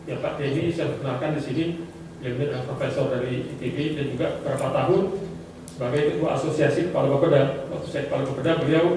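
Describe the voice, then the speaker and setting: A man giving formal remarks as a senior official at a public forum, measured, with occasional fillers. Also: mid-range voice. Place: meeting room, heard from a distance. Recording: distant echoey room mic with background noise.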